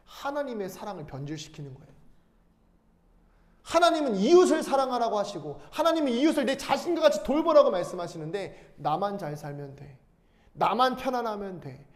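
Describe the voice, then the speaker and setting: A male pastor preaching a sermon, asking the congregation questions and answering them himself, and reading scripture aloud slowly. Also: high-pitched. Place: church sanctuary. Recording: long hall reverb.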